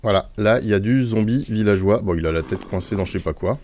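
A man's voice: lowish voice, quick pace, a little mellow, a little hiss or hum. A man casually commenting on his gameplay, chatting to his in-game mount with many hesitations. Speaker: Let's Play gamer.

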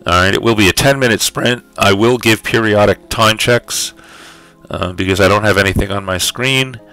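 A man with a low voice that has a bright, forceful edge chats casually on a livestream, full of fillers as he checks his audio with viewers. Faint music plays behind him. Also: normal speed. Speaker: livestream host running a writing sprint.

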